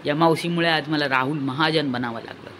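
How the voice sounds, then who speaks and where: A woman's voice: low voice, fairly quick, a bit bright, slight background noise. A woman vlogger giving mocking comic commentary in a teasing way, repeating phrases in a sing-song tone and often laughing.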